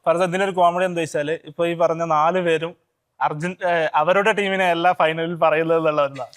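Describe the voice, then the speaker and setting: A man's voice: a little high, steady tone, fairly quick, a bit bright. A man on a football panel, dropping wry asides. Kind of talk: casual panel discussion.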